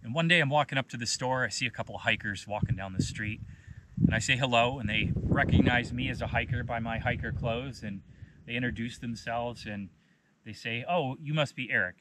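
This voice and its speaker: A man in his thirties, a hiking vlogger, telling a personal story in a relaxed, conversational way and often saying "you know". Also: mid-range voice, brisk, heavy background noise. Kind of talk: casual storytelling to camera.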